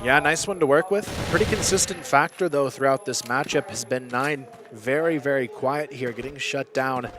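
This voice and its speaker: A man's voice: mid-range voice, normal speed, hardly any pauses. A man doing live esports caster commentary, narrating the match play by play over crowd and game noise.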